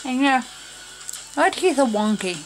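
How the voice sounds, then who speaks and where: A woman with a slight lisp giving a casual, rambling how-to talk, unhurried and full of fillers. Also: high voice, expressive, soft background music. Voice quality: slight lisp from wearing false teeth. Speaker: cosplay tutorial maker.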